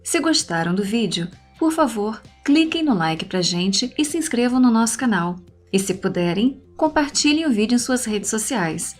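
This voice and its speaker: Clear, deliberate woman teaching English. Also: fairly high pitch, animated, soft background music. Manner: clear, deliberate, models English phrases then translates them. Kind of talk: scripted language lesson narration.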